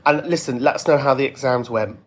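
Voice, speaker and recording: British male host, mid-pitched, conversational and reflective, casual podcast delivery. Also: a little fast, background noise. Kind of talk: casual chatty monologue answering listener messages.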